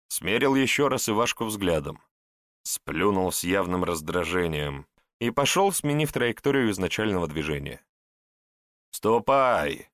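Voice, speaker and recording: A man narrating a story in an expressive storytelling manner. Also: on the low side, no echo, studio quality. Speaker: audiobook narrator. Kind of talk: scripted narration.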